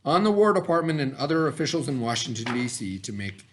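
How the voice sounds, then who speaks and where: There's noise in the background as this man reads aloud like a teacher, quick and mid-range in voice. He's expressive and instructive, with questions and plain explanations aimed at pupils.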